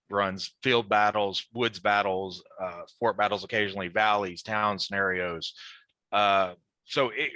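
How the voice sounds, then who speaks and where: A man with a low, bright and forceful voice walks a group through battle tactics on a video call. He talks loosely, with many fillers and restarts. The sound is dry and close, with little room. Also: dry recording. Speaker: melee command instructor.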